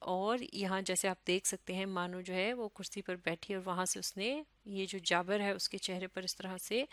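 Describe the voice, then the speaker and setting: A woman teacher from Pakistan is taking students through a children's story. Her pitch sits in the middle range, and her overall delivery is slow and deliberate, with an occasional "uh" as she explains. The sound is close and dry, with no room echo. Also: a bit bright. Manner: reads each English line slowly, then explains it quickly; slight hesitations with "uh".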